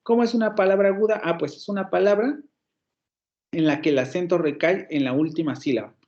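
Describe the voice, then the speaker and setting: A man with a Mexican Spanish accent teaches a university phonetics class online, his voice sitting a little high. He thinks aloud as he explains, stopping to correct himself. The audio is somewhat dull, like a computer mic on a video call. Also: a little fast, darkish tone. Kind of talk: online lecture.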